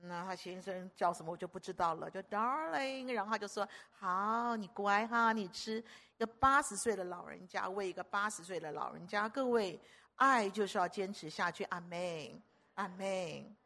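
A woman preacher giving a lively sermon, telling stories and asking the congregation rhetorical questions. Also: medium pitch, moderate pace, vocal fry.

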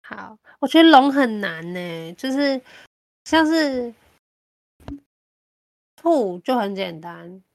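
A woman's voice: on the high side, animated, slow pace, vocal fry, long pauses, no echo. Taiwanese-accented woman chatting, close dry sound. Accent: Taiwanese Mandarin. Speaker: podcast host. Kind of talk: casual chat.

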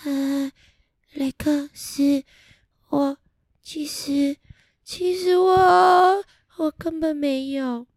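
Woman voicing a timid beetle boy, storybook figure, high stammering voice, sobs, dry sound. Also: fairly even intonation, takes it slowly, a little mellow, no room sound, heavily acted. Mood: sheepish. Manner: stammering, whimpering. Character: timid boastful young male beetle.

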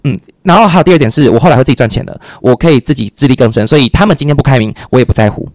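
A man with a Taiwanese Mandarin accent chatting on a podcast, telling stories quickly and animatedly, acting out the people he quotes. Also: mid-range voice, no room sound, clean studio sound. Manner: rapid, animated storytelling with playful quoted voices. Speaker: podcast guest. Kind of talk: casual podcast chat.

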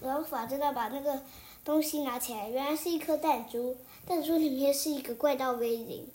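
A woman's voice: high voice, fairly quick, dark tone. A young child, likely a girl, narrating an improvised story in a rambling way, restarting sentences and repeating phrases in a singsong. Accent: Taiwanese Mandarin.

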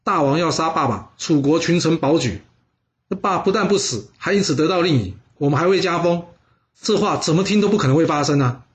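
A man's voice: fairly high pitch, a little fast, pitched above the performer's own voice, close to an everyday voice. A man voicing a shrewd, urgent young strongman warrior in a storytelling podcast.

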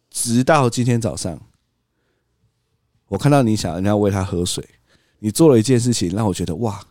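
A man's voice: lowish voice, mellow, dry recording, clean studio sound. A man co-hosting a casual podcast, a father telling stories about his toddler and acting out the child's replies. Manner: storytelling, acts out toddler's cries. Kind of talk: casual chat.

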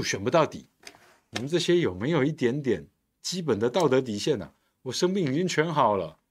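A man hosting a podcast, delivering a combative, sarcastic political commentary monologue. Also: a little high. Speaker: podcast host and council candidate.

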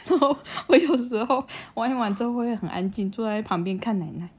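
A woman's voice: on the high side, expressive, fairly quick, husky. A young woman, chatting casually on a podcast about her childhood, often restarting her sentences. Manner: chatty, restarts a lot, acts out childish voices in quotes. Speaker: podcast co-host telling childhood stories. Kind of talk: casual chat. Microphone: desk USB condenser mic.

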